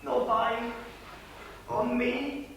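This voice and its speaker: A man's voice: very high-pitched, flat delivery, very slow, creaky, full character voice. A young man playing a dying, poisoned prince, anguished and urgent, in theatrical Shakespearean stage acting. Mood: pained, pleading. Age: young adult. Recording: echoey hall, distant mic, faint noise.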